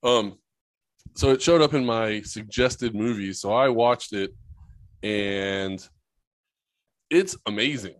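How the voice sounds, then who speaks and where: A man's voice: on the low side, slow, long pauses, dry recording. A man co-hosting a crude, casual sports podcast, joking and laughing often and swearing freely. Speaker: podcast co-host.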